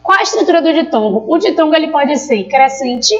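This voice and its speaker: A woman's voice: high voice, expressive, a little fast. A woman with a Brazilian Portuguese accent, teaching a recorded grammar lesson in a patient, explanatory way and drawing out example words. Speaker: primary school teacher. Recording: dull lo-fi recording.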